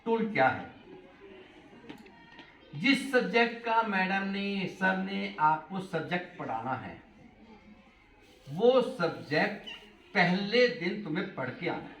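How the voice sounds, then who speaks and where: A high, bright-voiced middle-aged man talks to a room full of students, his pitch swinging widely as he quizzes them. He is heard from some distance in an echoey hall, with faint noise underneath. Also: slow pace, long pauses. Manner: animated, asks the class questions, mixes in English phrases. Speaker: motivational speaker addressing students. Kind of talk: classroom talk to schoolchildren.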